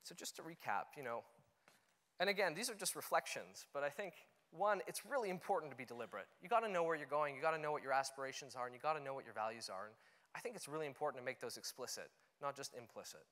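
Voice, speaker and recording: A young adult conference speaker from Canada talks fast in an expressive, medium-pitched, fairly bright voice. His earnest, conversational stage talk in an auditorium is peppered with "you know" fillers, and long hall reverb colors the recording.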